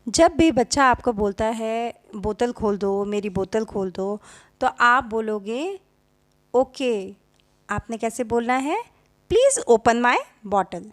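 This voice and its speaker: High-voiced woman teaching slowly. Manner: slow, deliberate, repeating model sentences; mixes Hindi with English words. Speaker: YouTube teacher. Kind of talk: step-by-step home-teaching lesson.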